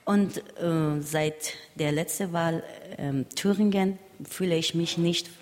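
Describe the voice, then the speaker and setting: A woman from Afghanistan, a German speaker, asking a panel a question haltingly, with many hesitation sounds. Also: lowish voice, steady tone, darkish tone. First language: not German. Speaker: audience member asking a question. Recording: hall with long reverb.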